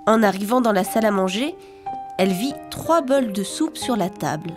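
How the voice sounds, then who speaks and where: A woman narrating a children's fairy tale in a clear, expressive and rhythmic reading voice. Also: mid-range voice, normal speed. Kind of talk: storybook narration for young children. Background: music.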